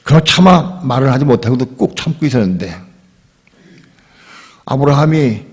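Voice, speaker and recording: A male pastor preaching a sermon at a church service, telling the story in a lively, conversational and emphatic way. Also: medium pitch, moderate pace. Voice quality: husky, gravelly.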